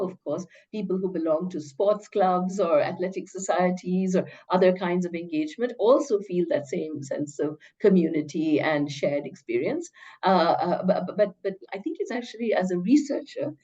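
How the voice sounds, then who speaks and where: A middle-aged woman speaking as an academic researcher in an interview, hesitant and measured, often repeating words as she reasons. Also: fairly low pitch, a little mellow, muffled recording. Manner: hesitant, stammering, measured scholarly phrasing. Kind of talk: interview answer, academic discussion.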